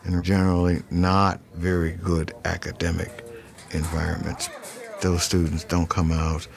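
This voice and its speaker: A man, a university administrator, speaking in a measured, serious way in a documentary interview. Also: low-pitched, monotone, creaky. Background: music score.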